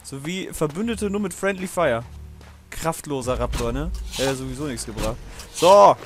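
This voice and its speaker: A man's voice: medium pitch, brisk, over music. A man hosting a let's play, giving casual gaming commentary in a chatty, digressive way with frequent swearing and laughter.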